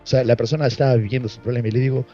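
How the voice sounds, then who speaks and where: A man's voice: mid-range voice, steady tone, very fast, dark tone, dull audio, soft background music. A man teaching a workshop, telling a story about a client and acting out both sides of the dialogue. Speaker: NLP trainer.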